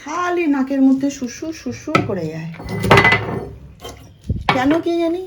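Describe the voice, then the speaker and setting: A woman's voice: high voice, very animated, a little slow, echoey room. A young woman with a Bengali accent, chatting to viewers while she cleans her kitchen. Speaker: vlogger. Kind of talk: casual chat while doing housework. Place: home kitchen. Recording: clear household background noise.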